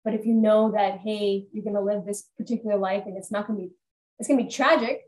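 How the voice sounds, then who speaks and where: A woman co-hosting a casual podcast chat about a film, talking in an animated, chatty way. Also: medium pitch, fast talker, rough recording. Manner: chatty, animated, laughs often. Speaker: podcast co-host. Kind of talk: casual movie discussion.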